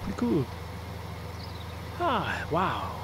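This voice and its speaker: His pitch swoops wildly and his words drag out as this West Country man from England rambles and laughs through a casual game live-stream. The voice sits a little high, with noise behind it.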